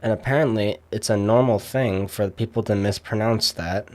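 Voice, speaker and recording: A young man chatting casually, rambling with many fillers and pauses. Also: on the low side. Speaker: streamer. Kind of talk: casual chat.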